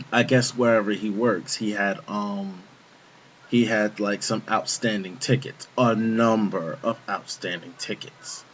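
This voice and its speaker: A man's voice: lowish voice, a little hiss or hum, rough recording. A young man casually telling a rambling story from his job, quoting himself and his coworkers as he goes. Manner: rambling, chatty, quotes himself and others. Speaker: vlogger telling a work story.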